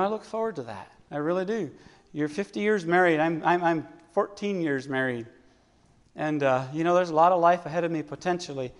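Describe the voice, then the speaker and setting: A man in his thirties preaching a sermon in an earnest, halting way, often repeating words as he searches for them. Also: fairly high pitch. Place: church hall. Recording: long hall reverb.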